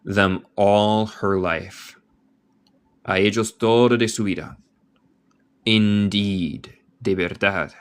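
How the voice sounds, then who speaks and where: A man with an American accent teaches a slow bilingual reading lesson, speaking Spanish as a second language. His voice sits fairly low and he takes his time. He explains each word patiently and thinks out loud as he goes. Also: clean tone. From Michigan, United States. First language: English.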